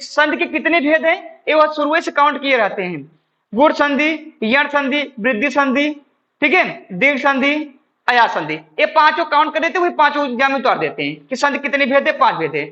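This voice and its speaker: In this exam-prep classroom lesson, a male grammar teacher speaks in a bright, sharp voice, his pitch swinging widely. Treating viewers as friends, he explains step by step, poses questions and answers them himself, and often checks in with "ठीक है". The audio is dull and lo-fi.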